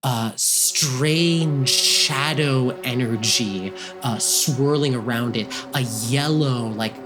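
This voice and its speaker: A man's voice: mid-range voice, takes it slowly, over music. A man running a tabletop game, improvising vivid narration as game master.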